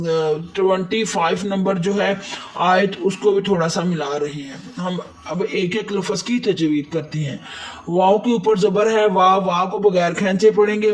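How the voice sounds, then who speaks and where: Recorded from a distance, a high-voiced man leads a step-by-step tajweed lesson on Quran recitation rules. Patient and methodical, he repeats each word slowly so listeners can drill it.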